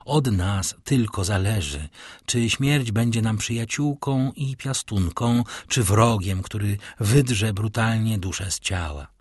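A man voicing a noble middle-aged count who is calm, grave and tender, in a measured, solemn delivery. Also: lowish voice, husky, no echo, studio quality.

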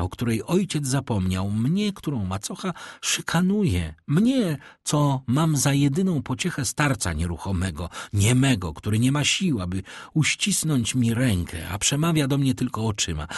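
A man voicing a gentle, sorrowful young woman in love, reading her lines aloud from a novel in a plaintive way. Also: fairly low pitch, husky, dry recording, studio quality. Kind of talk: audiobook reading.

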